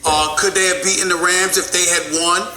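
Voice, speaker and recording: A man's voice: high voice, flat delivery, normal speed, sharp tone, echoey room, soft background music. A man arguing as a sports commentator, emphatic and repeating himself to press his point. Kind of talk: heated sports debate.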